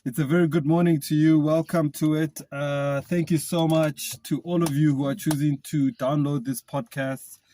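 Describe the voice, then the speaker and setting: A man hosting a podcast from inside a classic car, upbeat and enthusiastic, laughing often and giving shout-outs. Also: a little high, flat delivery, moderate pace, few pauses, a little hiss or hum. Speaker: podcast host. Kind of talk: casual podcast chat.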